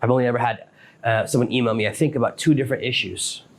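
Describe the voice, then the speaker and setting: Slight background noise runs under this podcast, where a fast-talking man of medium pitch offers casual, step-by-step advice. As a self-employed author, he keeps things practical and matter-of-fact.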